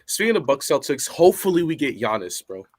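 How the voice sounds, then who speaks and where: A man's voice: medium pitch, very animated, brisk, a little mellow. Laid-back man hosting a sports chat. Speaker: host. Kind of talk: casual live sports chat.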